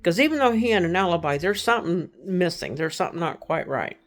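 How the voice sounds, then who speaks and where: A woman from Texas casually retelling a true crime case, chatty, acting out the people she quotes and dropping to hushed tones. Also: on the low side, animated, quick pace.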